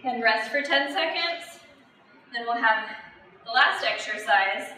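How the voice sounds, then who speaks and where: A woman's voice: on the high side, expressive, unhurried, sharp tone, faint music behind. A woman fitness instructor talking through and demonstrating workout exercises, recorded by a camera at a distance. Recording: echoey room from far off, noisy.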